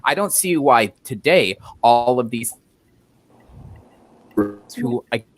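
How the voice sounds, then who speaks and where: A man arguing in an online debate, his voice cutting out over a bad video call connection with halting restarts. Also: medium pitch, expressive. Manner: rapid stream of statistics, halting restarts.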